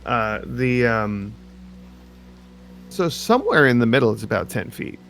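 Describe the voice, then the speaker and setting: A man running a tabletop game as game master, narrating scenes slowly with many fillers. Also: mid-range voice, sing-song, creaky, a bit bright. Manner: slow, descriptive, with many fillers. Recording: background music.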